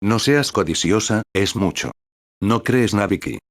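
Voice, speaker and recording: A proud, pompous teenage boy talks in a haughty, stiff way, as a man reads his lines. His voice is deep and the recording is dry. It is part of a read-aloud story. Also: lively intonation, a little slow, dry recording. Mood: haughty, annoyed.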